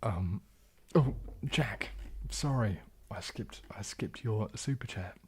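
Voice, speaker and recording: This ASMR YouTuber, a man whose soft New Zealand accent is often mistaken for British, chats with viewers during a livestream, reading and answering their comments. His voice is on the low side, hushed and breathy, often dropping to a half-whisper, and his manner is polite and halting.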